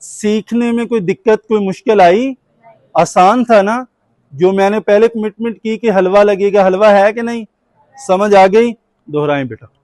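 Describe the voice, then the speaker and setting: A man's voice: high voice, measured pace, a little mellow, no echo. A man teaching a class, patiently asking his students questions and having them answer back. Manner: patient call-and-response questioning. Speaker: Quran teacher.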